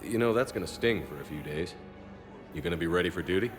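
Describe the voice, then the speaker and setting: A man playing a confident, steadfast military commander in a video game, with a firm, measured, plain-spoken delivery. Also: deep voice, lively intonation. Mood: encouraging. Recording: music behind the voice.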